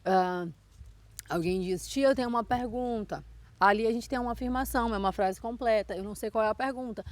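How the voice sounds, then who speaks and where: A woman teaching a school grammar lesson in a Brazilian accent, explaining patiently and checking in with the pupils often. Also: mid-range voice. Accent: Brazilian Portuguese. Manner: explanatory, frequent "tá?" check-ins.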